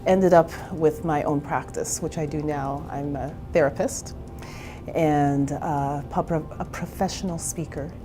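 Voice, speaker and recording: A woman's voice: low voice, steady tone, measured pace, dark tone, faint music behind. A woman in her forties from Canada, a therapist and entrepreneur, telling her own story in a candid, chatty interview. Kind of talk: personal interview.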